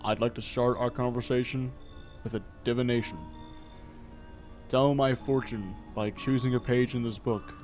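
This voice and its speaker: A man voicing a calm, mysterious male fortune teller who talks slowly and cryptically. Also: mid-range voice, faint music behind, lightly acted. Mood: solemn, cryptic. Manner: slow, solemn, cryptic.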